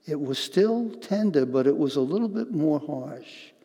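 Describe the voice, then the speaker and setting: An older man preaching a sermon as pastor, earnest and halting, often repeating words as he goes. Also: on the high side, expressive, dark tone, husky, long reverb tail, dull audio.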